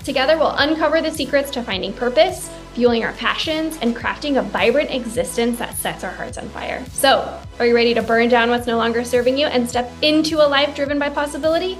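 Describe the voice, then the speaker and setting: A woman with a high voice delivers a scripted podcast intro in an upbeat, emphatic manner. Faint music plays behind her. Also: fairly quick. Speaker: podcast host.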